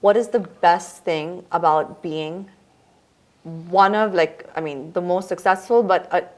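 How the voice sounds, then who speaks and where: A woman's voice: on the low side, measured pace. Chatty Indian-accented woman hosting. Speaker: podcast host. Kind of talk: casual chatty interviewing.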